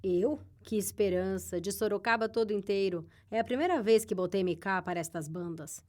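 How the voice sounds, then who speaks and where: A woman's voice: medium pitch, normal speed, darkish tone, lightly acted. A woman reading a blustering rider. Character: brash, defensive male rider on a scheming errand.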